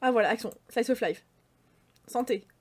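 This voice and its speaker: Excitable woman gaming YouTuber. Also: a little high, moderate pace, slightly rough. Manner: excitable, gushing, talks to viewers. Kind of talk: casual Let's Play commentary.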